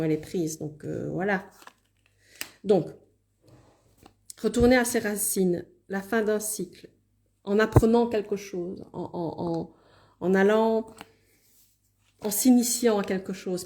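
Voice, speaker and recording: Mellow-voiced woman with a Liège accent. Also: mid-range voice, a little slow, long pauses, a little hiss or hum. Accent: Liège Belgian French. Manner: chatty, apologetic asides, reads viewer comments aloud. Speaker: card reader hosting a live stream. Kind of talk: casual live-stream card reading.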